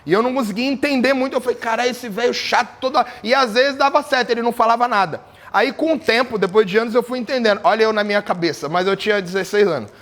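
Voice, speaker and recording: Speaking quickly at an extremely high pitch with a fairly bright tone, a man runs a capoeira workshop. He jokes and questions the group as he explains tuning in a class with berimbaus.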